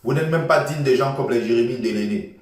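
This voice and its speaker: A man delivers a fervent political monologue, hammering points home through repetition. His voice sits at a middle pitch and sounds distant from the microphone. Heavy room echo surrounds every phrase. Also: fairly quick. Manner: passionate, repetitive, lecturing. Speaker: political commentator. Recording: echoey room from far off.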